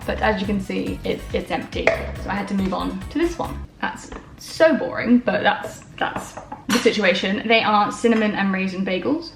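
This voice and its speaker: Young female vlogger, casual and self-deprecating, slight vocal fry. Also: medium pitch, moderate pace, music in the background. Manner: rambling, self-deprecating, chatty. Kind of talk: casual vlog chat. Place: bedroom at home.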